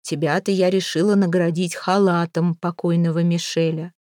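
A woman's voice: steady tone, moderate pace, darkish tone, dry recording, close to an everyday voice. A woman voicing a fussy middle-aged widow handing out an inheritance in a placating tone, dry close sound. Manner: placating, then shrill.

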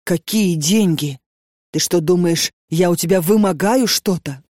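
A woman's voice: on the low side, unhurried, darkish tone, no echo, clean studio sound. A woman reading an audiobook and voicing a sleepy, puzzled young female student who answers hesitantly. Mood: reluctant. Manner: hesitant, bewildered.

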